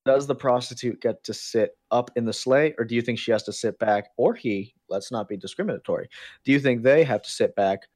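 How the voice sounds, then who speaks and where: A man's voice: medium pitch, a little fast, dry recording. A man co-hosting a casual comedic chat, rambling with restarts and joking around. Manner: rambling, restarts mid-sentence, jokey and animated. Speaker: podcast co-host.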